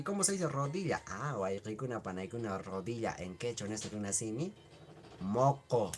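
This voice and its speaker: A man teaching Quechua words in a casual live online class, repeating each word slowly and answering questions from the chat. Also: medium pitch, a bit bright.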